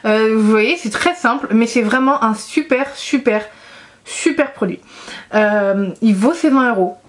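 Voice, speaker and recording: Brief: young female beauty vlogger, gushing and chatty, voice a bit higher than most. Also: measured pace. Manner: chatty and enthusiastic, many fillers. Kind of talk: casual product review.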